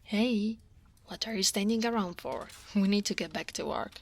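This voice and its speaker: A woman from Italy with an Italian accent lightly acts a guarded, workaholic dragon woman, her senior coworker character, in an ASMR roleplay. Her mid-range voice moves at a moderate pace, soft and often whispered, relaxed, wry and self-deprecating with sighs and soft laughs. A little hiss or hum can be heard.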